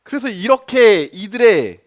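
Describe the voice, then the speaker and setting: Male pastor, high-pitched, conversational sermon delivery, poses questions to the congregation and voices the disciples. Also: big pitch swings, a little slow.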